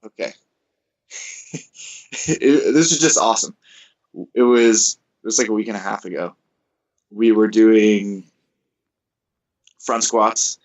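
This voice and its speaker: A man who is a coach, a guest on a podcast, telling stories in casual conversation with lively delivery and frequent laughter. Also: fairly low pitch, takes it slowly, pauses often, poor audio. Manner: animated, laughs often, acts out voices in anecdotes. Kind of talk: casual interview storytelling.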